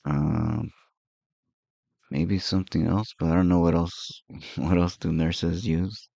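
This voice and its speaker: A man's voice: low voice, fairly even intonation, slow pace, vocal fry, warm tone, no echo, dull audio. A man streamer chatting casually and rambling while he draws and plays games, chuckling often. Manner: rambling and easygoing, with frequent chuckles.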